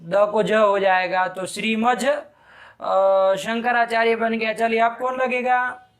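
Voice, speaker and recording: High-voiced scolding Sanskrit grammar teacher. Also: male voice, little pitch movement, a bit bright. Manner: brisk, scolding, quizzes students. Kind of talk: live class lesson.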